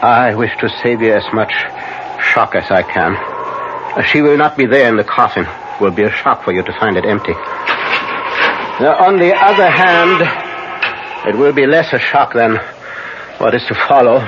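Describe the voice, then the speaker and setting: A man's voice: mid-range voice, animated, close to an everyday voice. A man playing grave Professor Van Helsing, muffled radio. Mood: solemn, measured. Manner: deliberate, halting, solemn. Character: grave, commanding male vampire-hunting professor. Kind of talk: old-time radio drama acting. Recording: muffled, noisy vintage radio recording.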